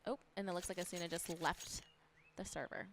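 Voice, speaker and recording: A woman's voice: lowish voice, steady tone, a little fast, a little hiss or hum. A woman giving casual color commentary on an esports match, chatty and easygoing. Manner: easygoing, chatty, laughs often, uses fillers. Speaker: esports co-caster.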